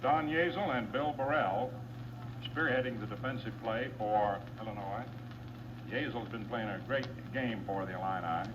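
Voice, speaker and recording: Announcer, man, fast-listing names and yardage, muffled old wire recording, steady hiss. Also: mid-range voice. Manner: brisk, reels off names, yard lines and down-and-distance. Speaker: play-by-play announcer. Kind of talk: live radio football play-by-play.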